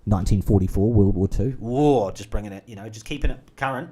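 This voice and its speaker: A man's voice: fairly low pitch, fast, dark tone. A man chatting casually while gaming, rambling off on jokey tangents. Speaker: gaming streamer.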